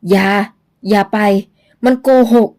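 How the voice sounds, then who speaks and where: A woman voicing a gaunt, stern old male ghost in an audio novel, with a hoarse, raspy voice that blurts out warnings. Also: slow pace, background noise, natural voice. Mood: accusing.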